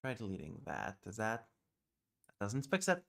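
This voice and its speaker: A fairly low, sing-song voice with vocal fry and a slightly bright tone belongs to a livestream host whose first language is British Sign Language. At a normal speed, he thinks aloud as he works, easily exasperated and swearing under his breath.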